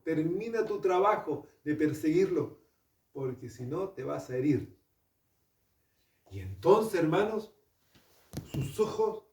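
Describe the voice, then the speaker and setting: Man preaching a sermon, higher voice, mellow tone; heard from a distance in a roomy hall. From Chile. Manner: storytelling, asks the congregation questions. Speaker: pastor. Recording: echoey hall, distant mic.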